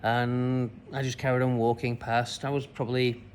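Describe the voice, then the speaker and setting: Rich: A man at medium pitch tells a personal story to camera in a meandering, conversational way, often circling back with fillers and restarts. A faint hum of noise sits behind his voice. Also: little pitch movement, normal speed. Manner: rambling, many fillers and restarts. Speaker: spiritual coach.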